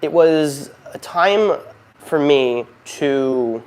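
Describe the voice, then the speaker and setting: A man's voice: a little high, animated, drawn-out words, darkish tone, clear, resonant tone. A man hosting a casual, unscripted update vlog, with a goofy, rambling manner that often interrupts itself. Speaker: video channel host. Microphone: recorded beside a noisy heating fan.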